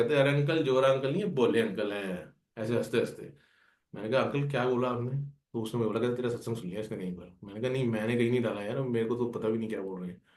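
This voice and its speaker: A man's voice: medium pitch, a little mellow. Man telling a story in a roomy space. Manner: conversational, acts out dialogue with friends. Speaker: devotee sharing a personal experience. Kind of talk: storytelling testimony. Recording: roomy echo.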